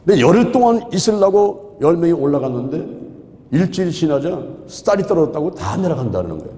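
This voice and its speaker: A man in his sixties preaching, telling his story with lively, exclamatory repeats. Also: on the high side, a little fast. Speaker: pastor. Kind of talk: sermon testimony. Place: large hall at a prayer retreat. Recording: echoey hall with long reverb.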